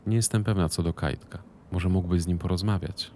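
A man's voice: low voice, fairly even intonation, a little fast, warm tone, a little hiss or hum, lightly acted. A man voicing a middle-aged woman who runs a business and worries about her son, speaking firmly and guardedly. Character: middle-aged woman boss, anxious protective mother.

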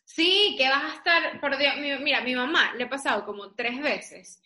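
A woman's voice: sits high, normal speed, echoey room. A young woman co-hosting a casual podcast chat, telling stories and acting out the voices of the people in them. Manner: animated storyteller, acts out quoted voices. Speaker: podcast co-host.

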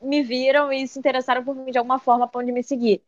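A young woman with a high, bright-sitting voice tells stories in a casual interview, animated and quick to act out the people she quotes. The recording is close and dry, with no room sound. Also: dry recording, highs cut off. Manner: animated storyteller who acts out quoted voices and says "tipo" often. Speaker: TikTok creator guest.

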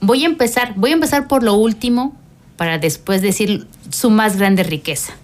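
Calm middle-aged woman, a religious sister. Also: mid-range voice, normal speed. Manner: calm, explanatory, frequent fillers. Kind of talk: radio interview.

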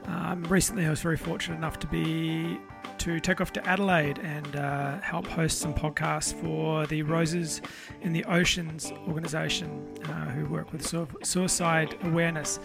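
Male podcast host, casual and keen, fairly high voice with plenty of creak. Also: flat delivery, moderate pace, over music. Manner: informal, sweary, enthusiastic. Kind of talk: casual chat with spoken introduction.

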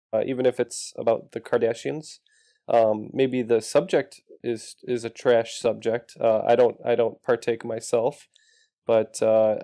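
Male co-host, mellow monotone, measured matter-of-fact delivery. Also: mid-range voice. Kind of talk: casual roundtable chat.

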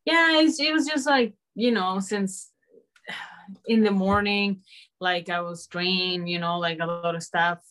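A young woman fighter answering interview questions in a halting, hesitant way with many restarts. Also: mid-range voice, a bit bright. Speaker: mixed martial arts fighter.

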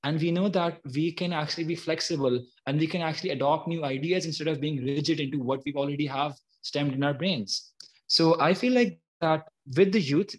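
The audio is poor, but you can hear a slightly high-voiced man in his early 20s from Pakistan. As an activist guest in an interview, he speaks off the cuff, earnestly explaining where he stands.

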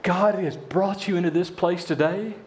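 A man preaching a sermon in a church, telling a parable with animated voices for its characters. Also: sits high, moderate pace, reverberant. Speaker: pastor.

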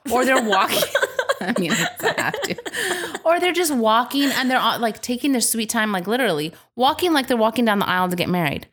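Higher-voiced woman laughing through stories. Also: fairly quick. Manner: animated, laughs often, acts out scenes. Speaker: podcast co-host. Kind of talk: casual chat.

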